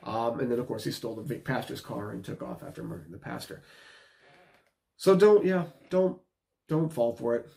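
This American man in his thirties offers opinionated, casual commentary to camera as a video commentator, repeating points emphatically for stress. His mid-range voice is gravelly and warm, at a moderate pace, recorded indoors in a small room.

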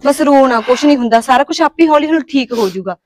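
A woman voices a kind-hearted young Punjabi daughter-in-law. She talks fast in a high voice and stands her ground when pressed. The recording is close and dry. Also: animated, darkish tone, dry recording. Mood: consoling. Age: young adult. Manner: quick, earnest, talks back. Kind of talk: village family drama acting.

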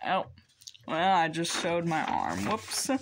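Teen guy rambling slowly thru an unboxing, lots of ums, at home. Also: a little high, sing-song, background noise. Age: teens. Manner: rambling, hesitant, many ums. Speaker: vlogger. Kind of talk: casual unboxing chat.

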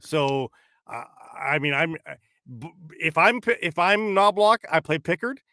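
A man's voice: on the high side, animated, bright, forceful tone, dry recording. Opinionated man in his forties, emphatic. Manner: emphatic, opinionated, quick interjections. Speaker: podcast co-host. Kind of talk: casual sports banter. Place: small padded home studio. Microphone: large studio mic with headphones.

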